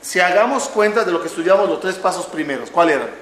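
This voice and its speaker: A man's voice: high-pitched, animated, quick pace, a bit bright. A man teaching a religious class, telling stories and asking questions of the audience. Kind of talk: Torah class to a live audience. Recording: echoey room.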